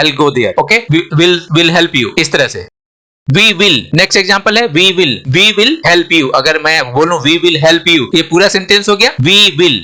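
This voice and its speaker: A man's voice: sits high, sharp tone. A man teaching an English lesson in a patient, explaining way, often repeating words and checking "ok?" with his learners.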